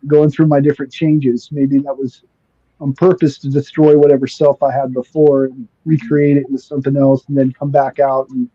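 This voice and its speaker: Here the man speaks at medium pitch with a level tone and a moderate pace, his voice slightly rough and the recording dry yet dull and lo-fi. Spanish is his first language; he comes from near Mexico and has lived mostly in Mexico. The talk is an easygoing spiritual conversation, full of slang and repeated words as he gropes toward his point.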